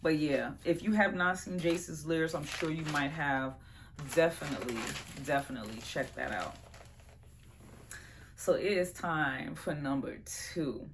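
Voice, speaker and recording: A woman chats through her favorite movies as a vlogger. She is animated and slangy, and she speaks right to her viewers. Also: low-pitched, measured pace, slight background noise. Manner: animated, slangy and chatty, addresses viewers as y'all. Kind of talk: casual movie review chat.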